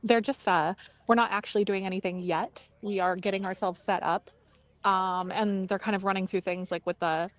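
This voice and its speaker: A woman's voice: mid-range voice, steady tone, normal speed. Female streamer on location outdoors, friendly casual chat to viewers. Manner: friendly, greets chat by name. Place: outdoors by a lake.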